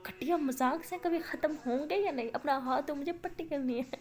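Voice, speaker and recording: A woman's voice: sits high, darkish tone, natural voice. A woman voicing a tender, pleading young female student in a storytold romance. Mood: insistent. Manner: pleading, insistent.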